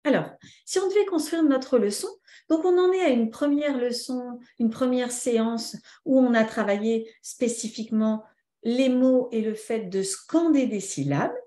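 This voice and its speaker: Woman trainer, live online lesson, fairly high voice, echoey room. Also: measured pace. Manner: lively, answers viewers' chat comments by name. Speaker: teacher trainer.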